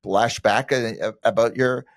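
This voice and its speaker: Gravelly-voiced man hosting an interview. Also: mid-range voice, steady tone, unhurried, dry recording. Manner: conversational, some hesitant restarts. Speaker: podcast host. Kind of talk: casual interview questions.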